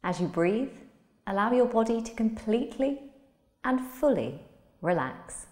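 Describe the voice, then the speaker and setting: A woman guiding a relaxation visualization in a slow, soothing, soft-spoken manner. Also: a little high, expressive. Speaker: meditation guide. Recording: roomy with long reverb.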